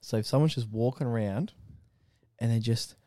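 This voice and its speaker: Brash co-host, dark, warm tone, dry close recording, swears freely. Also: male voice, mid-range voice, normal speed, no room sound. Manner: loud, swearing, laughs often. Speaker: podcast co-host. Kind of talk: crude casual banter. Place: house.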